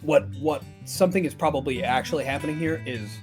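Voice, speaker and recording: A man rambles through a casual podcast chat, stammering and clearing a dry throat. His voice sits a bit high. Faint intro music loops quietly behind him. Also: quick pace. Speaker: podcast co-host.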